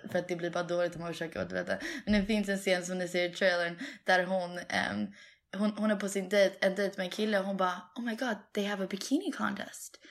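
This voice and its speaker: Chatty young woman retelling a film. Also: fairly low pitch. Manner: animated, mixes Swedish and English, acts out film scenes. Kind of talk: casual chat.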